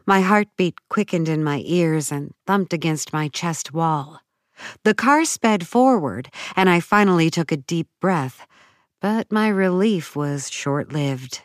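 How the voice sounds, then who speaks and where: A woman narrating a first-person audiobook story in a measured, dramatic way. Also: lowish voice, lively intonation, dry recording, studio quality.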